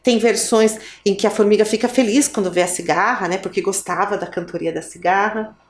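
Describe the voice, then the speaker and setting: A woman teacher with a Brazilian Portuguese accent giving a televised lesson to children, animated and sing-song. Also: mid-range voice, brisk. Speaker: primary school teacher. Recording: roomy echo.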